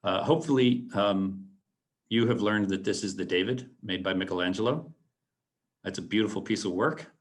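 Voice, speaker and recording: A man in his late forties speaks to a school audience about his path and what he learned. His voice sits low. He talks earnestly but haltingly, filling pauses with ums and restarting sentences. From San Antonio, Texas. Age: late 40s. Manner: earnest, reflective. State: a little choked up. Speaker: alumnus guest speaker. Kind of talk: presentation to students.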